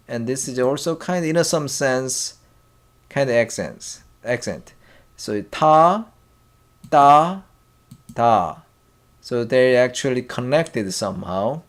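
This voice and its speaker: Slow, halting man teaching. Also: mid-range voice. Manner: slow and halting, many fillers and restarts, drawn-out sounds for demonstration. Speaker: language teacher. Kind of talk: classroom language lesson.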